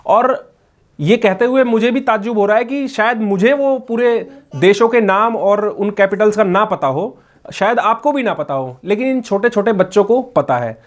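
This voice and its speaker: A man's voice: sits high, animated, moderate pace. A male local news reporter marvelling aloud as he quizzes children and talks to their mother. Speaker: news reporter interviewing a family.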